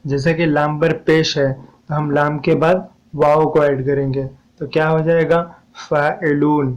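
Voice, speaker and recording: A man's voice: fairly high pitch, level tone, unhurried, lo-fi sound. Man teaching poetic meter, diction. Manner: patient, repeats steps, urges viewers to ask questions. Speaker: poetry teacher. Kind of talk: explaining a lesson on poetic meter.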